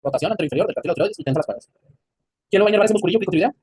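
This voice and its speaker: A man's voice: sits high, racing, darkish tone, husky, dry recording. A man with a Mexican accent teaching an anatomy class, quizzing his students and joking in crude slang. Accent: Mexican Spanish. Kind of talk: classroom lecture.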